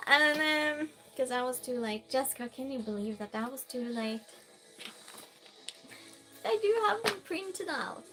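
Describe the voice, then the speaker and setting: Her voice is high-pitched, bright, and forceful. This Norwegian-accented woman, a native Norwegian speaker, chats casually on a live stream, reading out viewer messages with plenty of fillers and restarts.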